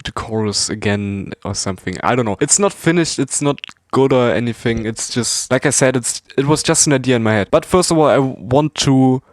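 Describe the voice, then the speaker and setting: A man's voice: medium pitch, lively intonation, moderate pace, hardly any pauses, dry recording, clean studio sound. Rambling man. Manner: rambling, self-correcting, chuckling asides. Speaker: hobby music producer. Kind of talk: casual screen-recorded tutorial vlog.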